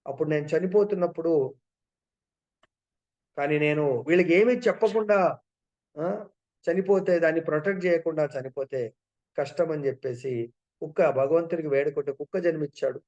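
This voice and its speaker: A man's voice: a little high, normal speed, long pauses, a little mellow, dull audio, lightly acted. A man voicing an attached old householder who keeps making excuses. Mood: explaining.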